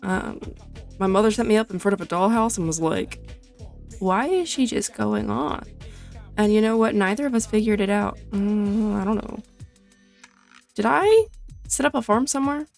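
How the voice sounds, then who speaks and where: A young woman chatting away in loose, wandering commentary while she plays, drifting from tangent to tangent. Her voice is of middle height with a gravelly, fry-tinged texture. Her words come out carefully enunciated, with faint music under her. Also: mid-range voice, animated, normal speed, long pauses, a little mellow. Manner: chatty, tangent-prone, self-deprecating. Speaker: gaming streamer. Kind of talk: casual rambling commentary while playing.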